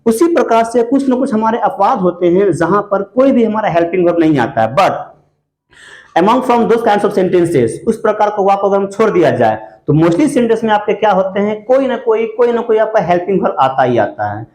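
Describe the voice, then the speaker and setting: A man teaching a grammar class, often posing questions to the students and answering them himself, and saying words slowly and repeating them. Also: high-pitched, very animated, a little mellow. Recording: echoey room.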